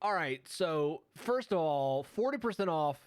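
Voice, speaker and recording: A man's voice: fairly high pitch, lively intonation, unhurried, smooth, dry recording, studio quality. A man hosting a casual podcast, joking around and reading news articles aloud with a playful, wry manner. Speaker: podcast host editing his show. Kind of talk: casual podcast chat and editing commentary.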